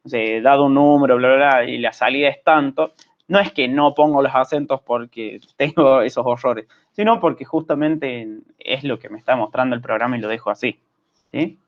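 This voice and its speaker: A male programming teacher with an Argentine Spanish accent, explaining patiently in an online class and often checking understanding with quick questions. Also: mid-range voice, highs cut off.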